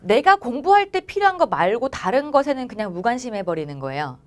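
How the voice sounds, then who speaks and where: Lively, coaxing woman lecturing exam students. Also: a little high, fairly quick. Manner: coaxing, often asks "알겠죠?" and acts out students' and teachers' lines. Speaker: academy teacher.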